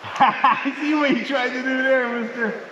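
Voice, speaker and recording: Man, middle-aged, fly fishing in a river, excited calls, loud outdoor noise, far mic. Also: extremely high pitch, a little slow, lo-fi sound. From Newfoundland, Canada. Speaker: fishing video maker. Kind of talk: casual outdoor commentary.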